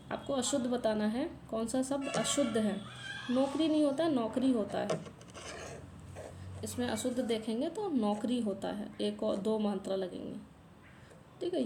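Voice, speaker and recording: A woman with a warm, fairly high voice goes through a past exam paper, pointing out the right and wrong answers and telling her students to note them down. She talks patiently and repeats herself. The recording is roomy and echoey, with a faint hiss underneath. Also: gravelly. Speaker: exam-prep teacher. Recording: echoey room, faint background noise.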